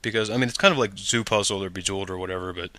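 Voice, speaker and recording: Male podcast host, low pitched and bright, relaxed rambling delivery. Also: very fast, no room sound. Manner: laid-back, rambling with ums. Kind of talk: casual podcast chat.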